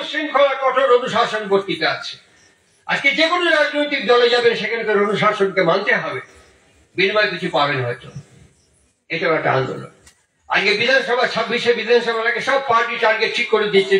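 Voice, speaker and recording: A man's voice: high-pitched, bright, forceful tone. A middle-aged man with a Bengali accent giving an impassioned devotional sermon, repeating his phrases as he tells a story. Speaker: satsang speaker. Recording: echoey hall, distant mic.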